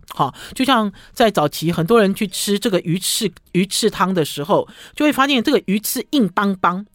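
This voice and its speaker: A woman's voice: medium pitch, no echo. Woman, radio food host, chatty monologue, dry close studio sound. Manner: chatty, ends phrases with a short "ha".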